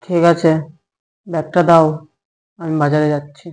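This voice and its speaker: A man's voice: sits high, a little mellow, natural voice. A man playing a touchy, hot-headed husband. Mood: indignant. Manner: snapping, indignant, quick to take offence. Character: short-tempered young husband, easily angered. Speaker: short-drama actor. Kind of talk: comic home drama acting.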